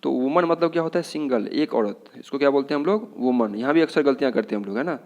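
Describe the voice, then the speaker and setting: A man's voice: mid-range voice, lively intonation, fast talker, a little mellow, highs cut off. A man with an Indian accent, a Hindi speaker, teaching English pronunciation in a classroom-style lesson, asking questions again and again. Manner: repetitive, keeps asking "what should we say".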